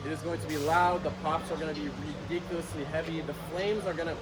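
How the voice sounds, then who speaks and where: A man's voice: on the high side, fairly even intonation, quick pace, crowd noise. A young man chatting casually about his car at an outdoor muffler shop, laid-back and slangy. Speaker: car owner, guest. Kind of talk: casual chat.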